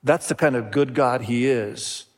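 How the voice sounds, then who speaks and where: A man's voice: mid-range voice, measured pace. A middle-aged man who grew up in Indonesia, preaching a sermon to his church in an earnest way, often repeating phrases and calling out to the congregation. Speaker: pastor.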